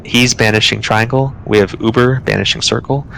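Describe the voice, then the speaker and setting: A man leading an online game raid, explaining tactics and then calling quick commands. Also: fairly low pitch, fairly even intonation, creaky, a bit bright, a little hiss or hum, low-quality recording. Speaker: raid leader. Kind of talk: live game commentary.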